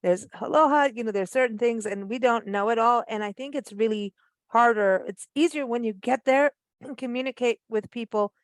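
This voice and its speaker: A woman's voice: on the high side, normal speed, no room sound. A woman hosting a radio interview show, talking in an upbeat, chatty way with fillers. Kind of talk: casual interview chat.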